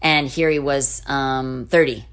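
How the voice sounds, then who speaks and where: Middle-aged woman with a low voice, chatty and animated, telling her story in an interview, lots of restarts. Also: unhurried, clean tone. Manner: animated, with frequent restarts and laughing asides. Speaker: interview guest. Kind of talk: personal storytelling in a casual interview.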